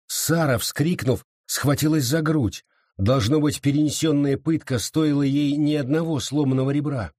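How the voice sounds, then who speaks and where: Male audiobook narrator, husky tone, lively expressive reading, dry close sound. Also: mid-range voice, dry recording. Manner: expressive reading, voices all characters. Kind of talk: scripted narration.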